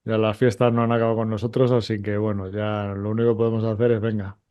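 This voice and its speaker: A man speaking over a dull, muffled remote line, his voice smooth and resonant but very flat in its melody. He chats casually and jokily as a consultancy coordinator, with a middle pitch. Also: fast. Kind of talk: casual chat.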